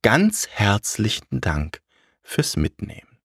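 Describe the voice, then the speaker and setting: A man voicing a cheerful, curious little tailor in a storybook tale, talking in a bright, lively, friendly way. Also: fairly low pitch, takes it slowly, vocal fry, breathy edge, no room sound, clean studio sound, full character voice.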